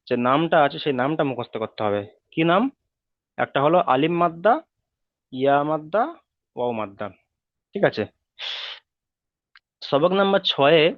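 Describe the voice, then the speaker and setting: A man with a slightly high voice teaches Quran reading in an online class, patiently repeating each rule and stretching out the vowel sounds. It comes through a video call, so the audio is tinny and dry with no room sound.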